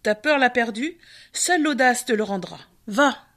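A woman's voice: a little high, expressive, moderate pace, a bit bright. A woman voicing an older grieving mother who reproaches and urges her son. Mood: tearful reproach. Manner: reproachful, urging.

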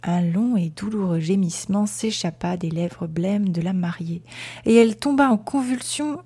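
A woman narrating a period novel aloud in a measured, expressive storytelling manner. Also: mid-range voice, husky. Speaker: audiobook narrator. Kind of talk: literary audiobook reading.

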